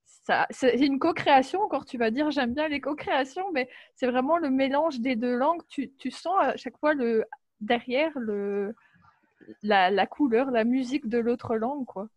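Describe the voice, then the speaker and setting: A high-pitched woman hosts a casual live video chat, talking freely and reading out viewer comments. Her voice is close and dry, with no room sound. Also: normal speed, a little mellow, dry recording. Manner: chatty, reads out viewer comments. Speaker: host.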